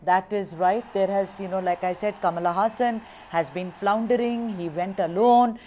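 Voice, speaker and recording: A woman's voice: medium pitch, normal speed, dark tone, slight background noise. A woman news anchor, leading a live discussion in a conversational, emphatic way.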